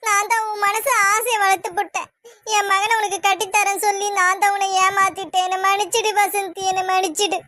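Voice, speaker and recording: A woman doing a shrill, sugary mother-in-law. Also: little pitch movement, brisk, sharp tone, dry recording. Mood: sugary pleading. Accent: Tamil Nadu southern village. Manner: sweet-talking, melodramatic. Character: scheming middle-aged village mother-in-law. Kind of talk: cartoon voice acting.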